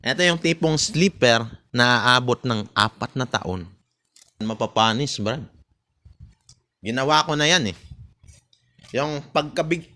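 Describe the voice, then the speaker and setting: A man's voice: mid-range voice, sharp tone. A man, ranting in a casual monologue, bitter and taunting, laughing between jabs and switching into English. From Philippines.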